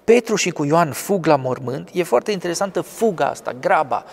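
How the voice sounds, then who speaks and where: A man explaining a scripture passage in conversation, scholarly and digressive, often pausing with fillers. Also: fairly high pitch, animated, vocal fry, in a large hall. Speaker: theologian commenting on scripture.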